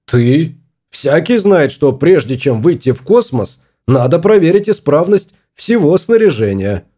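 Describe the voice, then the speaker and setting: A man's voice: a little high, big pitch swings, a little slow, warm tone, breathy edge, voice pushed up, full character voice. A man voicing a stubborn, fussy husband exploring space in an audiobook, grumbling and obstinate.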